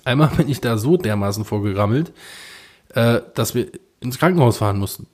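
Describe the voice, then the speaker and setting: A man's voice: medium pitch, lively intonation, brisk, a little mellow. A man co-hosting a podcast, telling a story in casual chat, full of fillers and restarts. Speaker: podcast co-host.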